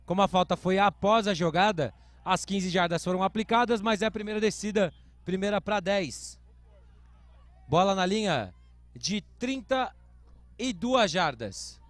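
Brazilian male sports commentator, high voice, clipped explanatory announcer phrasing, dry recording, live American football coverage. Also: measured pace, no room sound.

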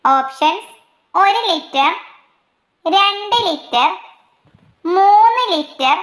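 A woman reading out quiz questions, their options and the answers in a slow, measured way, dropping her pitch for each list of options. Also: animated, fairly bright tone, echoey room. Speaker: quiz reader.

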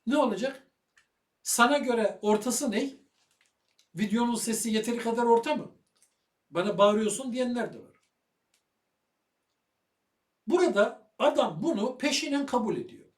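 Fiery guy with a really high voice, loud rhetorical questions, echoey room, mic kinda far off. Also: animated, normal speed. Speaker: online religious commentator. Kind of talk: heated video commentary.

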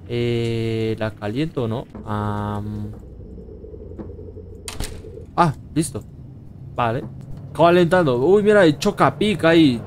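A man's voice: mid-range voice, noisy background. A man giving chatty, casual commentary while playing a horror video game, reacting aloud and swearing now and then. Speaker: gaming YouTuber. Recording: music playing behind the voice.

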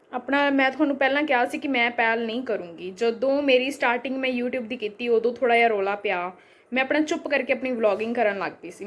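A young woman with a Punjabi accent, a vlogger firing back at a critic with repeated rhetorical questions. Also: fairly high pitch. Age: young adult. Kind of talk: reply video rant.

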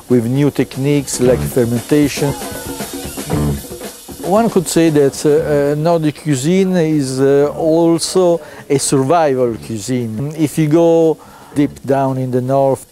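A man's voice: on the high side, dark tone. A middle-aged man, talking thoughtfully about cuisine in an interview, with fillers. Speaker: food commentator. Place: outdoor hotel terrace.

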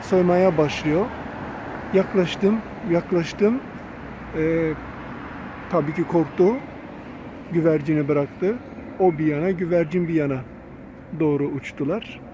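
A man filming a bird in an urban garden, talking slowly and coaxing it over with affectionate words. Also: on the high side, steady tone. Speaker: nature vlogger. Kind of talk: casual vlog narration. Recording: dull phone audio with outdoor noise.

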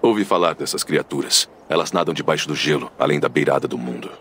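An actor playing a stoic, honourable and solemn Viking warrior in a video game. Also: male voice, extremely low pitch, fast talker, fairly bright tone, a little hiss or hum. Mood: grave, measured. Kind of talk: dramatic video game dialogue.

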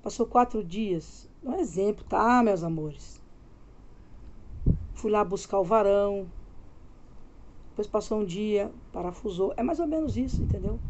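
Here a Minas Gerais vlogger in her forties sounds animated yet a little slow, pausing often, her medium-pitched voice a little mellow. The phone held close as she lies in bed cuts off the highs and adds a little hiss or hum. She chats loosely to viewers in Brazilian Portuguese with a Minas accent for a casual home vlog.

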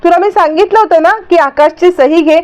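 A woman's voice: very high-pitched, brisk, voice pushed up. A woman reading the lines of a scheming, bossy middle-aged aunt who scolds sharply. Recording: dull lo-fi recording.

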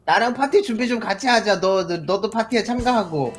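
An actor playing a sly teenage bully who fakes friendliness in a Minecraft skit, halting and repeating words. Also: mid-range voice, close to an everyday voice. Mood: coaxing. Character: sly teenage bully, fake-friendly classmate giving chores. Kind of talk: acted Minecraft skit dialogue. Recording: music behind the voice.

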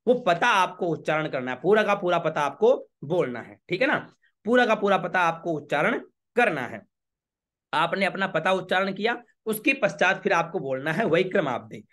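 A man, a priest teaching a home worship ritual step by step, chanting Sanskrit lines slowly and checking with the listener often. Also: fairly high pitch, fairly bright tone. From Rajasthan, India. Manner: patient, repeats checks like "okay?".

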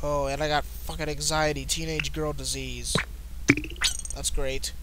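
A man giving profane, excitable commentary on a life-simulation game, reading its text aloud and reacting to each event. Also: a little high, unhurried. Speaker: gaming channel host. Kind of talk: let's play commentary. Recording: loud background noise.

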